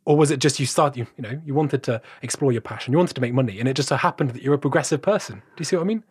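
A man's voice: medium pitch, very fast, slightly rough. A man hosting a podcast in a casual, enthusiastic way, chatting with a guest about bikes. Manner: enthusiastic, self-described bike tech fanboy. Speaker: podcast host.

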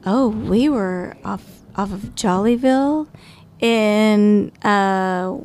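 Slow-drawling East Texas woman. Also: mid-range voice, darkish tone, slight background noise. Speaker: guest. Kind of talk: casual chat.

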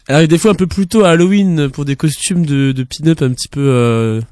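A man's voice: a little high, fairly quick, a little mellow. A man chatting casually in a group talk, joking and teasing, with chuckling asides.

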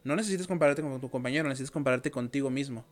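A young man hosts a casual interview; he's a podcast host and chess teacher. With a mid-range voice racing along, he talks at length, explains with examples, and uses many fillers.

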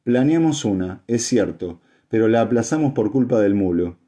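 A man's voice: fairly low pitch, lively intonation, mellow, close to an everyday voice. A man reading aloud and voicing an older male trader who answers in a weak voice. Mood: resigned. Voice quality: weak, slow voice.

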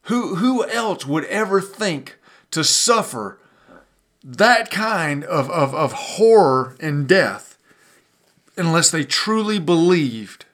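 A man preaching a sermon as pastor, building emphasis with dramatic pauses and sometimes repeating words as he pushes a point. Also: fairly high pitch, expressive, fairly bright tone.

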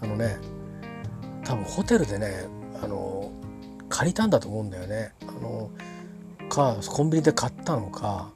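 A man's voice: fairly low pitch, very animated, normal speed, gravelly, pauses often, over music. A man telling a casual anecdote in a rambling way, full of fillers and restarts.

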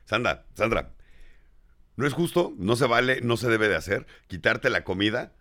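A middle-aged man with a Mexican accent, hosting a radio show in casual comic banter, animated and jokingly indignant. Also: on the low side, moderate pace.

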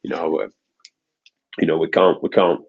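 This UK podcast host is a physiotherapist with a very deep, creaky, husky voice that sounds nasal and stuffed-up from congestion. He talks casually at normal speed with fairly even intonation, rambling and often restarting, on a dull lo-fi recording.

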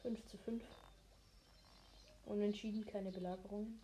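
A woman giving casual, low-key, mildly grumbling commentary on her own gameplay. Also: steady tone, normal speed, mellow, a little hiss or hum. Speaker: gamer commentating own play.

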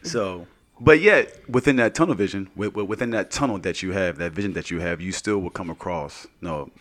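A man's voice: deep voice, fairly quick, a bit bright. A man co-hosting a casual podcast, talking in an earnest, reflective way and often checking in with "you know what I mean". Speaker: podcast co-host.

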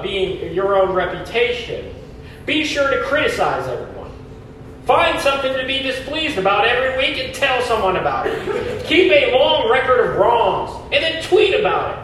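A man preaching a sermon as pastor, emphatic, posing questions and answering them, then leading a prayer, with a cathedral-like booming echo. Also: fairly bright tone. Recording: heavy hall echo, distant mic, faint noise.

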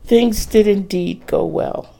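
Casting: male narrator for a romance audiobook, slow, gravelly, measured. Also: high-pitched, dark tone. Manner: measured, plain storytelling. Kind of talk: scripted narration of a romance story.

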